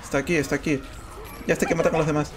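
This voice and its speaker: A man streaming a video game and commenting on it, excitable, often yelling and whining at the game. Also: on the high side, very fast, music in the background. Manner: excitable, yells and whines at the game. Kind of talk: gameplay commentary.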